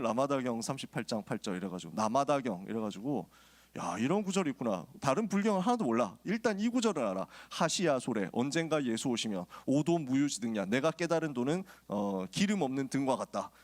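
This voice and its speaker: A man's voice: medium pitch, fairly quick. A male pastor preaching to a youth group, telling personal stories in a casual, joking way before urging his listeners on. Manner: lively storytelling, casual and joking, then exhorting.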